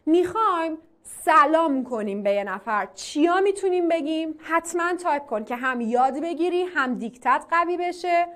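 A woman teaching an online English class. She asks the class questions, answers them herself and repeats English phrases slowly for drilling. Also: sits high, fairly bright tone. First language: Persian.

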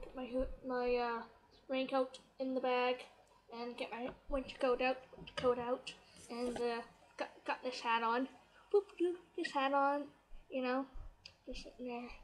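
A woman from England, telling a story to the camera in an excitable, chatty way. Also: high voice, low-quality recording. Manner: excitable, chatty, quotes others as she retells. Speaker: vlogger.

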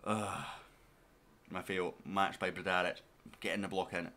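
Low-voiced man casually commentating a game. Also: level tone, brisk, bright, forceful tone. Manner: chatty, talks straight to viewers and to his players. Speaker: gaming YouTuber. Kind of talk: casual let's-play commentary.

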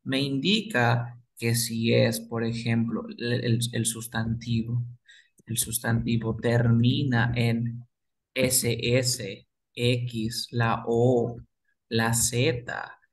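A man whose first language is Spanish, teaching English grammar to beginners and repeating words as he quizzes the listener. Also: mid-range voice. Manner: repeats words slowly, asks and answers his own questions.

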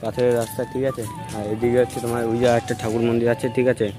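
A young man chats quickly through a casual outdoor vlog, his pitch staying flat and even. He keeps repeating filler phrases and sometimes drops to a hushed voice. Music plays clearly beneath him. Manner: chatty, repeats filler phrases, lowers voice to near-hushed at times. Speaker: vlogger. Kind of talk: casual walking vlog commentary. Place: outdoors at a temple garden.

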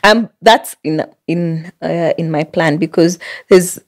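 A Kenyan woman, a public theologian appearing as a podcast guest, reflects aloud in a casual conversation. Her voice is lowish and her pace slow. She is recorded in a small indoor podcast studio on a close boom-arm studio mic.

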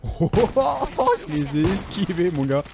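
A man giving excitable, slang-heavy commentary over his own gameplay, swearing often. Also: sits high, moderate pace, creaky, noisy background. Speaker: gaming video creator.

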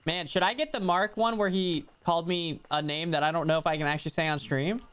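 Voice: mid-range voice, fairly even intonation, fast, fairly bright tone, smooth. A player chatting loosely during a ghost-hunting game, giggling and rambling through stories. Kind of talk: casual gaming chat.

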